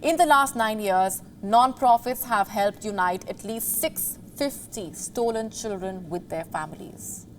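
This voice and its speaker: A woman presenting a scripted news feature in a dramatic, deliberate storytelling manner, pausing for emphasis. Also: mid-range voice, slight background noise.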